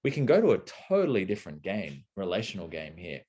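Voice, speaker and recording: A young adult man with a low, slightly rough, dark voice talks fast, his pitch swinging widely. As co-host of a live talk, he chats casually and thoughtfully, rambling with plenty of fillers and restarts.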